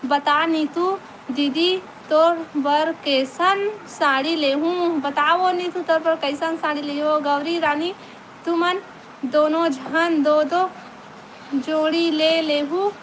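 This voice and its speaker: A woman's voice: sits high, fairly even intonation, slow, a little hiss or hum, poor audio. A woman with a Chhattisgarhi accent, chatting casually on her live stream, greeting viewers by name and laughing often, on a phone mic. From Chhattisgarh, India.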